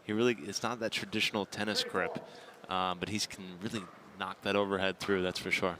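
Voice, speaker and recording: A man giving color commentary on a pickleball match, breaking down players' grips and shots in a relaxed way. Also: lowish voice, brisk, noisy background. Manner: analytical, relaxed, laughs easily. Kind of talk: sports commentary.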